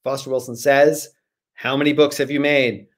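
An author in his forties appears as a guest on a video call from a room at home, answering questions casually. He's animated and jokey, speaking with medium pitch at a normal speed.

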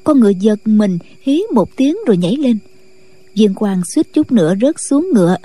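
A woman narrating a martial-arts novel in a steady, scripted late-night storytelling style. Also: medium pitch, moderate pace, slightly rough. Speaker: audiobook narrator.

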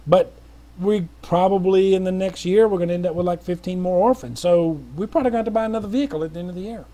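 High-pitched yet dark in tone, a middle-aged missionary talks fast in an appeal video, speaking casually and earnestly to viewers. He rambles, restarting often and leaning on fillers.

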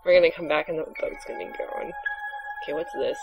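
A woman's voice: fairly low pitch, huge pitch swings, fast, vocal fry, highs cut off. A woman hosting a game playthrough with casual, playful chat. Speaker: let's play host. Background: game music.

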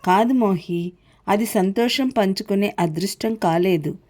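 A woman reading the part of a grieving young wife quietly confiding in a friend, in a storybook reading. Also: mid-range voice, unhurried, lightly acted. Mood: sorrowful.

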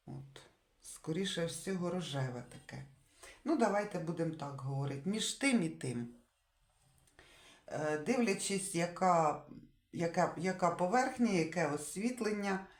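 A woman selling secondhand dishes in a casual showcase, describing each piece in detail and thinking aloud with halting pauses. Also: on the low side. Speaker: secondhand dish seller. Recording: echoey room.

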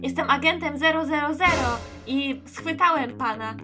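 A woman's voice: sits high, normal speed, over music, lightly acted. Woman doing a bossy toy secret agent. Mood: interrogating. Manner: bossy, commanding. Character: self-important male toy secret agent.

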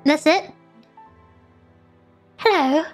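A woman's voice: high-pitched, extremely slow, soft background music. A woman streamer giving playful, theatrical commentary while she plays a game, laughing often and hurling mock taunts. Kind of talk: gaming livestream commentary.

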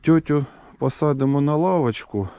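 A man working as a volunteer rescuer, calmly and practically giving reassuring instructions to people as he helps them into an evacuation vehicle outdoors. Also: a little high, moderate pace, smooth, no room sound. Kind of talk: on-the-spot instructions while loading evacuees.

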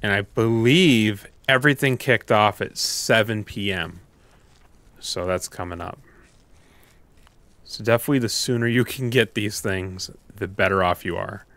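A man's voice: lowish voice, a little slow, fairly bright tone. A man gamer giving casual commentary on a horror game, thinking aloud in loose, sweary language.

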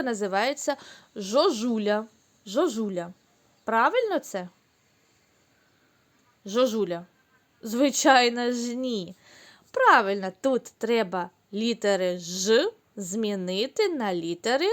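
A woman teaching young children, speaking slowly and clearly, drawing out the syllables. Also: fairly high pitch. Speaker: kindergarten teacher. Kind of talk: recorded online lesson for young children.

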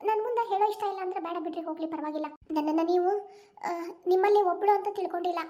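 A voice artist voicing a hurt young wife who pleads softly, with a North Karnataka Kannada accent. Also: very high-pitched, racing. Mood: hurt pleading.

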